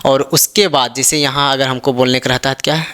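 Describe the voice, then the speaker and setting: A man's voice: mid-range voice, steady tone, fairly quick, bright, forceful tone, clear, resonant tone. A male teacher explaining a grammar lesson, asking the class rhetorical questions as he goes. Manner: drills students with repeated rhetorical questions. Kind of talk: classroom-style lesson in Hindi.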